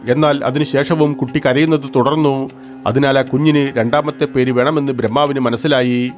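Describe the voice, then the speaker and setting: A male storyteller giving a steady, even scripted narration of old religious tales. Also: mid-range voice, normal speed, faint music behind.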